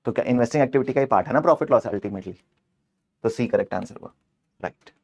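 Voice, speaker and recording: A man's voice: mid-range voice, animated, quick pace, vocal fry, a little mellow. A man teaching an exam-prep accounting lesson, playfully scolding the answer options and switching between Hindi and English.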